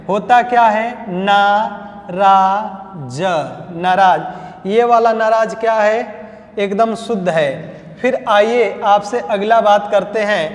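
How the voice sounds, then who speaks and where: A man with a Hindi accent teaching a spelling lesson in a coaching class. He drills each word by slow repetition and quizzing. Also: sits high. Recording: echoey classroom hall.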